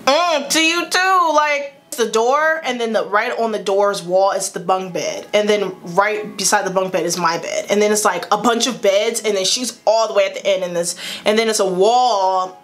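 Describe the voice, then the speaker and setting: A young woman vlogger telling a story from her childhood in a casual, animated and slangy way. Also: medium pitch, normal speed, hardly any pauses.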